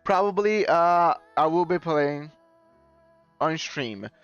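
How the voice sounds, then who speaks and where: Slow, smooth, and animated, a fairly high male voice carries a casual live chat with viewers, free of echo. He wanders from point to point and keeps correcting himself with a chuckle. The stream's audio is dull and lo-fi, with faint music.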